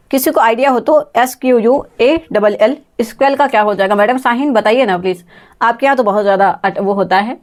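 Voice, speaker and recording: A woman's voice: fairly high pitch, moderate pace. A woman teaching a live online exam-prep English lesson, calling on students by name, spelling words letter by letter and laughing often. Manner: reads chat names, asks class for answers, laughs often.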